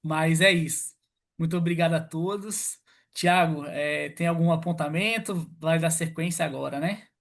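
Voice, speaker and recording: A man's voice: a little high, normal speed, gravelly, a bit bright. A man giving an online lecture over a video call, hesitant, with many fillers and restarts. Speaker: guest lecturer on pest control.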